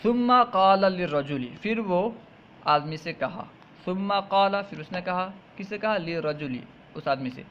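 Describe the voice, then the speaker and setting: A man teaching a text lesson, reading each phrase aloud and then slowly explaining and repeating it. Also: high voice, expressive. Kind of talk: line-by-line Arabic text lesson with translation. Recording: muffled lo-fi with faint hiss.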